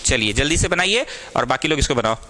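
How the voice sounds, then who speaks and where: Teaching maths to a small group, this young tutor blends English into his Hindi and scolds with evident care. He talks fast and expressively, in a medium-pitched, sharp voice, with slight background noise.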